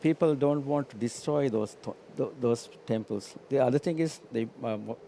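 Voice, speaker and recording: A mellow, mid-pitched man explains things casually. He circles back and rephrases in a halting way, with faint ambient noise on the live broadcast. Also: creaky. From Maldives. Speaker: local guest in the commentary booth.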